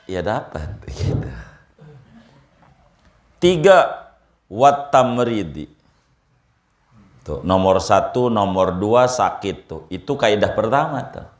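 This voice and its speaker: Male preacher, lowish voice, humorous lecture style with Arabic quotes, roomy echo. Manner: humorous, folksy, mixes Arabic quotations. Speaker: Islamic preacher. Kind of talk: religious study lecture. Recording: echoey room.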